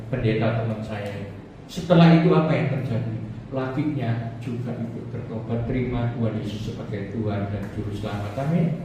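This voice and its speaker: A man's voice: mid-range voice, dark tone, a little hiss or hum. Echoey man preaching. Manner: chatty, joking storyteller who laughs at his own stories. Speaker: pastor. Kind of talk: sermon. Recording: very echoey hall, distant mic, faint ambience.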